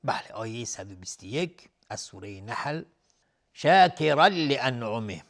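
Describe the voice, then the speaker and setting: A man's voice: fairly low pitch, animated, a bit bright. Man teaching Quran recitation rules. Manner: explains rules step by step, then recites verses slowly in a drawn-out chant. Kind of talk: tajweed lesson for television.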